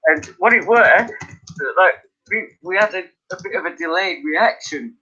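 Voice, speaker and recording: Bloke hosting a stream, high bright voice, swears a lot, muffled lo-fi sound. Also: male voice, moderate pace, breathy edge. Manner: animated storyteller, swears freely, laughs. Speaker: live stream host. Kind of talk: casual chat. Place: indoors by an open attic window. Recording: dull lo-fi stream audio.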